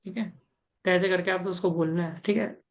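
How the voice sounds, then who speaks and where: A woman's voice: fairly low pitch, steady tone, quick pace, highs cut off. A woman interview coach giving casual, repetitive advice and mixing English terms into her speech.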